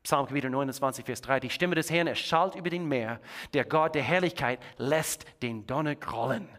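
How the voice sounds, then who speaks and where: A male pastor delivering a sermon in a dramatic, expressive way, with strong swings in volume. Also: normal speed. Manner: dramatic, swings between booming and hushed.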